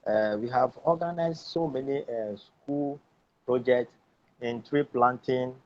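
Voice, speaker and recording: A man's voice: medium pitch, slow pace. A man from Ghana, an environmentalist, presenting his work steadily as a guest on an online panel. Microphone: video call. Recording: dull lo-fi video call audio.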